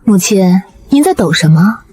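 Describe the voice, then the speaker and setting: A woman's voice: medium pitch, sing-song, a little slow, dark tone, husky. An actress playing a cunning young noblewoman who narrates her own revenge, cool, mocking and composed. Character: cunning young noble daughter, calm and vengeful. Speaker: narrator and lead. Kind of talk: period short drama acting with narration.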